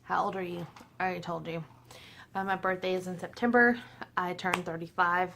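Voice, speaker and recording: Chatty woman in her forties, gravelly voice. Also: fairly low pitch, fairly even intonation, brisk, fairly bright tone, a little hiss or hum. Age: 40s. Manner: chatty, laughing, self-deprecating. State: slightly tipsy. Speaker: vlogger. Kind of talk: casual tipsy chat to camera. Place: at home.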